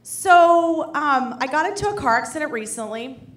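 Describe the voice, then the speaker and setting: A woman's voice: high voice, expressive, moderate pace, a bit bright. A young woman doing a chatty, wry stand-up comedy set on a club stage. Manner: chatty, wry, self-deprecating storytelling. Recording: echoey club room.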